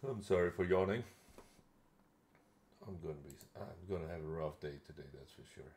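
A man's voice: low voice, normal speed, darkish tone. A man from Belgium live-streaming a game, swearing and laughing at his own mistakes as he talks to chat. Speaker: gaming streamer.

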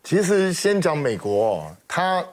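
A man's voice: on the high side, big pitch swings, unhurried. A man with a Taiwanese Mandarin accent giving heated talk show commentary in a television studio, scornful and full of sarcastic rhetorical questions. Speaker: political commentator.

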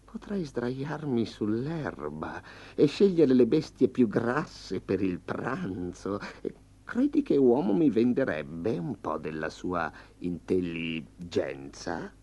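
A man voicing a smug, hungry male tiger with a slow, low, purring growl in a storybook reading. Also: sing-song, warm tone, breathy edge, full character voice. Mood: sly. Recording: slightly dull lo-fi.

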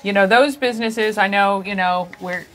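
A woman's voice: mid-range voice, normal speed, a bit bright. A woman co-hosting a radio show in a casual on-air chat, describing restaurant dishes as she tastes them. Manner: chatty, describes dishes with fillers. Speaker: radio co-host presenting restaurant food.

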